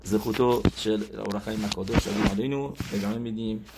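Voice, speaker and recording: A man's voice: lowish voice, fairly even intonation, heavy background noise. A man giving a sermon as a religious teacher, retelling a story animatedly with acted-out quotes.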